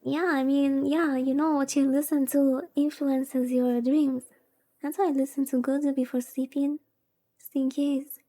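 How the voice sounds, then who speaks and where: A female VTuber streamer reads a visual novel aloud soothingly, slipping in casual commentary. Her high voice is warm and unhurried with little pitch movement, and background music plays.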